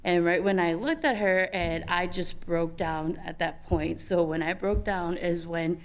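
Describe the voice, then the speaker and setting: A woman's voice: lowish voice, unhurried, clean tone. A young woman from American Samoa, speaking on a youth panel, telling her personal story candidly with many fillers and restarts.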